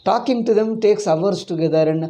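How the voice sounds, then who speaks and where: A man's voice: sits high, quick pace, dark tone. A man in his sixties with a South Indian accent, teaching in an informal discourse, emphatically repeating his phrases. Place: small indoor room. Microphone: clip-on lapel mic.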